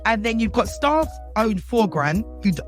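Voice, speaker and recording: A woman's voice: fairly high pitch, big pitch swings, moderate pace, soft background music. A woman from London chatting casually on a podcast, exclaiming and talking points through in long run-on turns. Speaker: podcast co-host. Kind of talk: casual chat.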